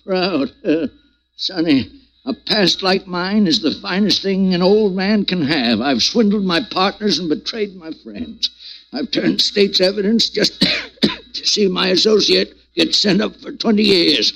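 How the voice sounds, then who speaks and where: Gravelly, wicked old rich man. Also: high-pitched, lively intonation, a little slow, fairly bright tone, full character voice, poor audio. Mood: boastful. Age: older. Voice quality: gravelly, quavering. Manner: rambling, pleading, wheezing. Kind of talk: 1940s radio acting.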